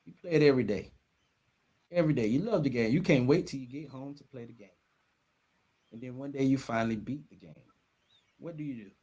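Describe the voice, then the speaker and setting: A man's voice: mid-range voice, brisk, long pauses, dark tone, husky. A man guesting on a podcast over a remote mic, talking in an emphatic, slangy way while his audio keeps cutting in and out from a faulty mic cable. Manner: emphatic and slangy, drives points home with questions. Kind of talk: casual chat. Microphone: remote call mic.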